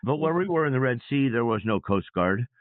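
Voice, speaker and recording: A man as an interview guest, a sailor and public speaker, telling his story in a reflective, measured way. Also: mid-range voice, expressive, no echo. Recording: dry, phone-like line.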